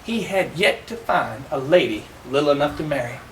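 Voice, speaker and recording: Southern guy doing a living history yarn outside, real lively swoopy voice, mic kinda far off. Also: a little high, slight background noise. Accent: Southern American. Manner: folksy, teasing, drawn-out delivery with audience asides. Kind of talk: first-person historical storytelling. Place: outdoors at a historic site.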